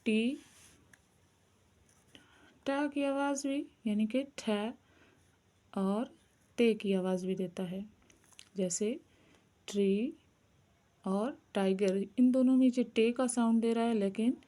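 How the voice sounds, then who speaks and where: Woman phonics teacher, very slow and deliberate, mellow voice. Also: on the high side. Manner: slow, careful, sounding out each letter. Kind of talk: phonics lesson.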